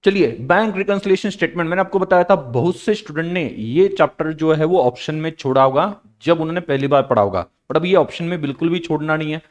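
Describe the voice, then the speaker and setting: A man's voice: on the high side, animated, a little fast, few pauses. A man teaching accounts in a live online lecture, playful and joking, with English phrases mixed in.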